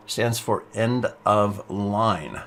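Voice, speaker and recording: A man's voice: on the low side, drawn-out words, fairly bright tone. A man teaching a beginner programming lesson, explaining patiently step by step while typing along. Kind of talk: screen-recorded coding tutorial.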